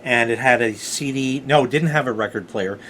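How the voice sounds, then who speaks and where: A man's voice: mid-range voice, brisk, fairly bright tone. Middle-aged man rambling over faint background noise. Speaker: storyteller, vlog host. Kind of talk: casual rambling storytelling.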